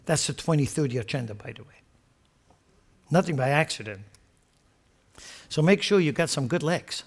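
High-voiced man preaching. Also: lively intonation, normal speed, breathy edge. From Switzerland. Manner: emphatic, swings between loud stressed phrases and quiet asides; joking, chuckles at his own remarks. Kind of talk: sermon.

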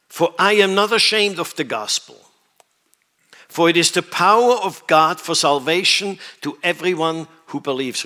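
A man's voice: a little high, sharp tone. A man from Switzerland preaching a sermon, stressing his points and often asking the audience whether they understand. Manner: emphatic, questions the audience often.

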